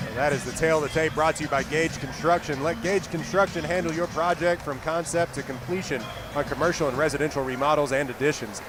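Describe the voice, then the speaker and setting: A man's voice: a little high, fairly even intonation, fast talker, hardly any pauses, background noise. A man giving live play-by-play commentary at a boxing event. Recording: loud music behind live commentary.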